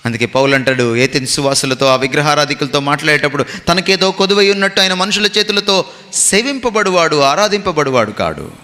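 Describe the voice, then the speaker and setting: Pastor, male: bright, emphatic sermon delivery with long hall reverb, drops into English phrases. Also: on the high side, expressive, a little fast.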